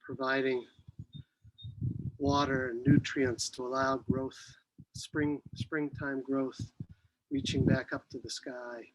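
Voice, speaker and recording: A man teaching qi gong, giving serene, unhurried movement and breathing cues with long pauses. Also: mid-range voice, level tone, rough recording. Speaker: qi gong instructor.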